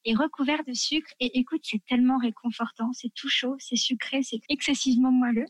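A woman from France talks in an eager, chatty way with a slightly high voice. She fills her sentences with little fillers and asides. The sound is dry and close, with no room around it. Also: steady tone, brisk, no room sound. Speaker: guest sharing food tips. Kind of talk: casual chat.

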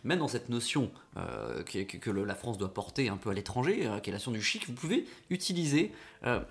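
A man's voice: medium pitch, very animated, brisk. A man co-hosting a comedic show, rambling and stumbling over repeated words. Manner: rambling, stammering repetitions. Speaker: co-host. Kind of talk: comedic radio banter.

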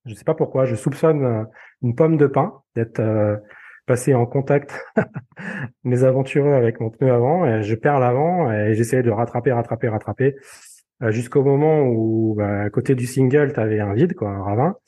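A man telling a personal story in casual conversation, halting and full of fillers and repeated words. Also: medium pitch, warm tone. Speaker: podcast guest.

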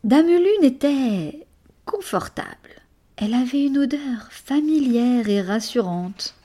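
A woman narrating a bedtime story expressively, with hushed, whispered passages. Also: sits high, animated, takes it slowly.

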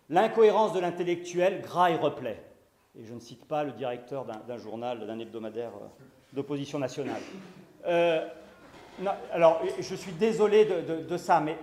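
This man's voice is fairly high and a little mellow, with a slight hiss or hum on the recording. He is a lecturer giving a conference talk in a conference hall, hesitating often with restarts and fillers while pushing hard on key words and rising on them emphatically. The room sounds echoey.

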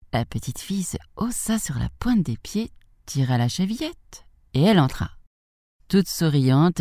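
A woman reading a fairy tale aloud for young children, in a lively, expressive way. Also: a bass voice, no echo, studio quality. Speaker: storyteller.

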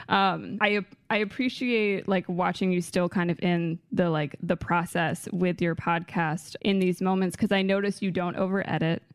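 A young adult woman hosts an interview podcast, chatty and enthusiastic, sprinkling in fillers as she talks. Her voice is on the low side for a woman. The recording is dry and close, with no room sound. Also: smooth, dry recording. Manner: warm, enthusiastic, uses many fillers like "like" and "um". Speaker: podcast host. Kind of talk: casual interview conversation.

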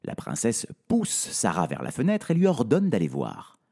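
Animated man narrating a storybook. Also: fairly low pitch, normal speed, gravelly. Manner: animated, playful.

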